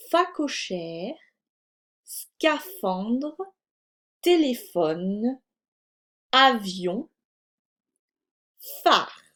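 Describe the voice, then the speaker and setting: A primary school teacher with a French accent patiently spells out sounds and words one at a time in a slow, clear lesson for young children. Her voice is a little high and mellow.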